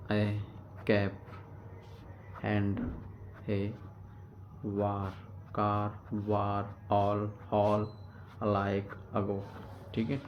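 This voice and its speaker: A man teaching a grammar lesson, explaining step by step, repeating key terms and answering his own questions. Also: on the low side. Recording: dull lo-fi recording with background noise.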